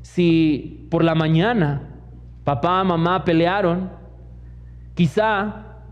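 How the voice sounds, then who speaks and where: Very slowly and with fairly even intonation, a young man preaches a sermon in a voice on the high side, his accent Mexican Spanish. As pastor, he shares personal stories and mimics the characters in quoted asides, recorded in a church hall with long reverb and a dull, lo-fi sound.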